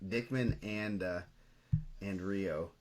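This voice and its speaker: A man co-hosting a casual podcast about high school wrestling, running through results in a steady, list-like way. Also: slow. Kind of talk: casual sports chat.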